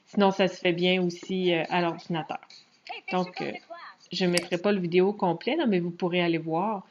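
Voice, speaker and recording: A woman with a Quebec French accent giving a casual, chatty screen walkthrough tutorial, pausing often to hesitate as she talks. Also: lowish voice. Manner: chatty, relaxed, frequent hesitations. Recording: dull lo-fi recording.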